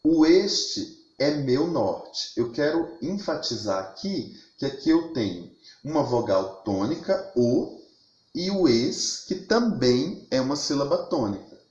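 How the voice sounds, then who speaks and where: A man's voice: mid-range voice, lively intonation, measured pace, darkish tone, echoey room. A man teaching a recorded video lesson, explaining step by step and often restarting his phrases.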